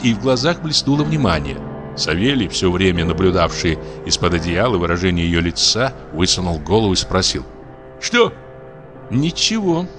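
A man reading a classic short story aloud as an audiobook narrator. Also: sits low. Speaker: audiobook reader.

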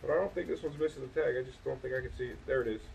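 A man's voice: medium pitch, racing, gravelly, a little mellow, recorded from a distance, a little hiss or hum. Rambling man on a back porch, mic set back. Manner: rambling, lots of fillers and restarts. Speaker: thrift reseller showing his finds. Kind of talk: casual vlog show-and-tell. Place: back porch outdoors at night.

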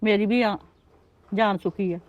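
A woman's voice: medium pitch, steady tone, a little slow, highs cut off, crowd noise, natural voice. An actress playing an older rural Punjabi mother visiting her married daughter, chatting homely and fond. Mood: chatty.

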